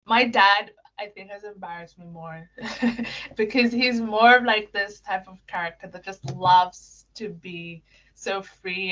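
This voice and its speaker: A young Kenyan woman answers interview questions casually, giggling often and stumbling through fillers and restarts. Her voice is a little low with a sharp tone, and the recording is muffled and lo-fi.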